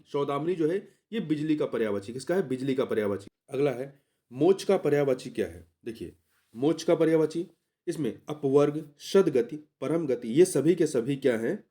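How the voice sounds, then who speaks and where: A man's voice: on the high side, warm tone. A man who explains exam answers as a tutor, repeating each word and correcting himself as he talks it through.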